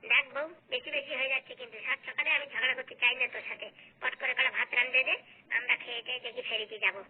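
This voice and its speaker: A woman's voice: high-pitched, steady tone, fast, breathy edge. A woman voicing a stubborn, hot-tempered husband who scolds his wife in a comedy skit. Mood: blustering. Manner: scolding, blustering. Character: hot-tempered husband Phuto, young adult man, stubborn. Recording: phone-like narrow sound.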